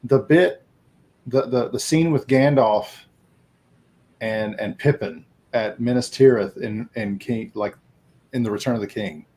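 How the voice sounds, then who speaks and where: A man answering questions as a guest on a casual livestream, rambling, with restarts, trailing off softly and laughing often. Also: mid-range voice, unhurried. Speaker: guest, small business owner. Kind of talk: casual interview chat.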